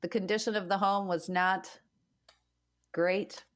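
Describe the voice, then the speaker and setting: A woman's voice: mid-range voice, steady tone, a little slow. A woman co-hosting a podcast, chatting casually in a forthright way and swearing freely. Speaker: podcast co-host, mortgage lender.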